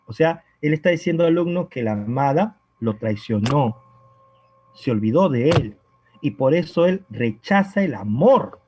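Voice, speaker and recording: A man's voice: mid-range voice, expressive, moderate pace, darkish tone, husky. A man teaching literature in a recorded prep-course lesson, explaining patiently and often checking in with the student. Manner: explanatory, keeps addressing the student and adding "¿no?" tag questions. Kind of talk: recorded exam-prep lecture. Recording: slightly dull lo-fi recording.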